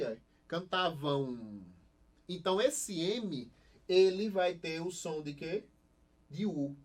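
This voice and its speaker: A young Brazilian man with a lively, slightly high voice gives a recorded online class, asking the students questions and answering them himself. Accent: Brazilian Portuguese. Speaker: Portuguese teacher.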